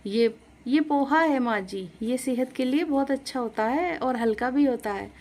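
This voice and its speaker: A woman's voice: high voice, moderate pace, a little mellow, pitched above the performer's own voice. A woman voicing a modern young daughter-in-law who argues eagerly and persuasively in a storybook tale.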